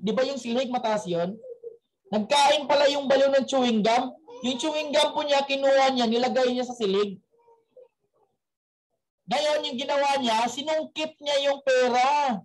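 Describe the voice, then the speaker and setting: A man's voice: very high voice, low-quality recording. A man who has young children, giving a chatty motivational talk at a team meeting and quizzing his audience before telling a story. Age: adult with young children.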